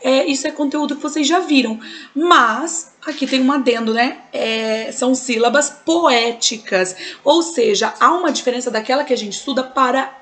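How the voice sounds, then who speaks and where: A woman's voice: high voice, moderate pace, a bit bright. Brazilian woman teaching poetic meter. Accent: Brazilian Portuguese. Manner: explanatory, checks in with frequent tags. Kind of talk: recorded online lesson.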